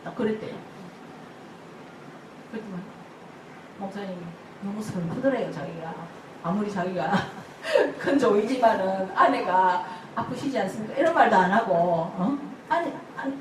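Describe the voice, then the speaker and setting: An older woman pastor, preaching an animated sermon full of stories, acting out church members' voices and laughing often. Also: medium pitch. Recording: echoey hall from far off, noisy ambience.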